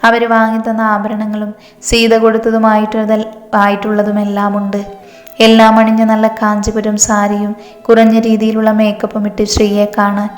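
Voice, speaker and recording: A woman storyteller narrating a romance story in a steady, even manner. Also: medium pitch. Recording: echoey room, long reverb, faint music.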